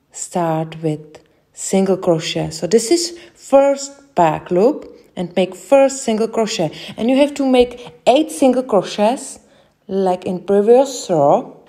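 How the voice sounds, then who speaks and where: Young Czech woman, Czech accent, crochet tutor; mellow, unhurried delivery, halting between steps. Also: medium pitch. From Czech Republic. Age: young adult. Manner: slow, careful, with many hesitations. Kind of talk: step-by-step craft instruction.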